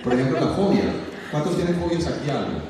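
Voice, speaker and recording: Colombian man, church conference speaker, jokey and direct, heard from afar in a booming room with the audience audible. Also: sing-song, fast talker. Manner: joking, addresses the audience directly. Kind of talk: humorous leadership talk to a church audience. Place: large church hall. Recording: echoey hall, voice from far off, crowd noise.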